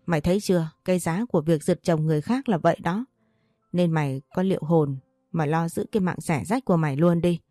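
A woman's voice: lowish voice, brisk, warm tone, no echo, studio quality, soft background music, natural voice. A woman doing a spiteful, threatening young wife. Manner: menacing, contemptuous.

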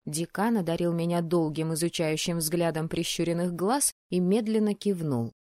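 Woman narrating in a low, dry voice. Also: steady tone, normal speed, mellow, no room sound. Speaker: audiobook narrator. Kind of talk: first-person fantasy audiobook narration.

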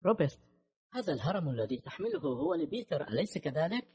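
A man's voice: fairly high pitch, animated, fairly quick, a little mellow, voice pushed up, natural voice. A man voicing a shaken, grieving adult woman in an audiobook, with a trembling, urgent manner. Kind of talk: audiobook character voice.

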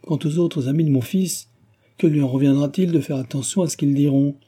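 A man's voice: on the high side, fairly even intonation, brisk, mellow, breathy edge, pitched above the performer's own voice. A man voicing a chattering, pushy middle-aged mother in an audiobook, talking in a gushing, overfamiliar, insistent way.

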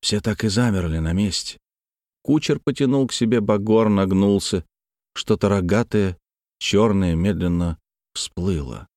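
A man narrating a classic novel in a measured, expressive reading. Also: lowish voice, no room sound, clean studio sound. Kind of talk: scripted literary narration.

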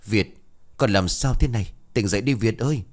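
A man voicing an anxious young mother trying to calm her son. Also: on the low side, moderate pace, pitched above the performer's own voice, close to an everyday voice. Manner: anxious, soothing.

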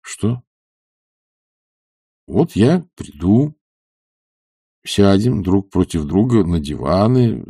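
A man voicing an idle, sighing gentleman who whines and dodges in a reluctant, drawn-out way. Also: fairly low pitch, vocal fry, husky, no echo, studio quality, heavily acted. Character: lazy, sighing gentleman, plaintive and evasive.

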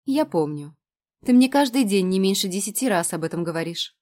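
A woman's voice: mid-range voice, expressive, a little fast, darkish tone, natural voice. A woman reading an audiobook who voices a skeptical, sarcastic young woman, close to her own voice. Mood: dry. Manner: dry and sarcastic.

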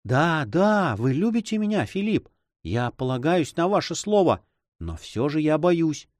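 A man reading an audiobook, voicing an anxious, tender young woman who speaks softly and hesitantly. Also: on the high side, big pitch swings, measured pace, dry recording, clean studio sound, pitched above the performer's own voice. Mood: fearful. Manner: soft, fearful and hesitant.

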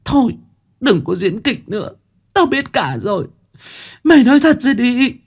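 A man's voice: extremely high pitch, big pitch swings, normal speed, breathy edge, voice pushed up, exaggerated voice. Man doing a shrieking betrayed village wife. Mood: shrieking, furious. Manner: screaming, hysterical.

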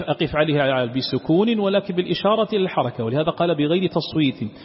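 Man teaching in a reverberant hall. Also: fairly high pitch. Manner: explains slowly, demonstrating verses in chanted recitation. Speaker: sheikh teaching Quran sciences. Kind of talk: classroom lesson explaining recitation rules. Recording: dull lo-fi recording with long hall reverb.

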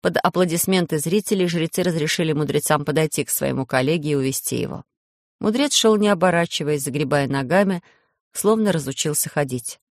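A man narrating an audiobook in steady storytelling, acting out the voices. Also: a little high, a little fast, no echo, clean studio sound. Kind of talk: scripted narration.

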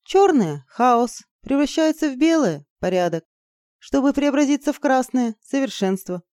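A woman's voice: high voice, sing-song, normal speed, darkish tone, no echo, clean studio sound, pitched above the performer's own voice. A woman voicing an anxious, fearful young sorceress in an audiobook, her lines pleading and panicky. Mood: explaining.

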